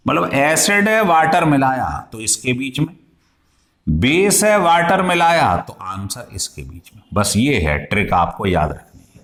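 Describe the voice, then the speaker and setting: A man's voice: medium pitch, sing-song, a little slow, a bit bright. A male chemistry teacher lecturing in a classroom style, explaining step by step and asking his students questions as he goes. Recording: echoey room.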